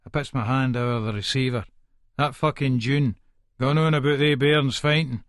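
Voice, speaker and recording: This is dramatic first-person audiobook narration by an actor playing a belligerent, swearing Scottish tough guy with an Edinburgh accent. The man's mid-range voice stays steady and natural at a moderate pace, though the character comes across as irritable and contemptuous; the studio sound is clean with no room echo.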